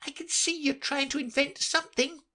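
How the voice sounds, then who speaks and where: Fretful, indignant storybook pigeon, shrill and high-pitched. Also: female voice, steady tone, moderate pace, bright, forceful tone. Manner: shrill, accusing, sobbing complaints. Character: fretful shrieking female pigeon, indignant and suspicious.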